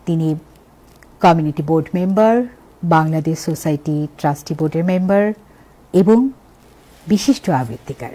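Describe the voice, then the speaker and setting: A woman with a Bangladeshi accent presenting a festive television talk show as host, in measured phrases and lists of questions. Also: on the low side, mellow, poor audio.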